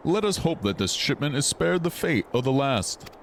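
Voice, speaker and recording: A man's voice: mid-range voice, very animated, moderate pace, a little hiss or hum. A man voicing a regal military commander from a fantasy game in a formal, stately manner. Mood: stately, grave. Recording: game music behind the voice.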